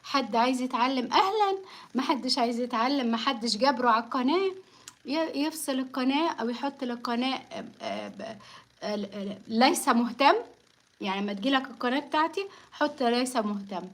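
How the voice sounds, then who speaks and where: A woman with an Egyptian accent talks to her live-stream viewers over a phone at home. Her voice sits high and she answers critics with sarcastic defiance, laughing often between lines. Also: big pitch swings, quick pace. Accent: Egyptian Arabic. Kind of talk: casual live-stream talk.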